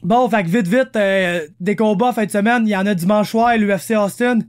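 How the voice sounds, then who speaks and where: A man with a Quebec French accent co-hosting a casual podcast, slangy and animated, dropping English words into his talk. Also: sits high, fairly quick. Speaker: podcast co-host.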